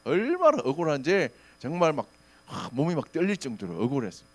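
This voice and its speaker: Animated male pastor with a lively voice. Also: fairly high pitch, a little fast. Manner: animated storytelling, acting out shouted quotes. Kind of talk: sermon. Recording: faint mains hum.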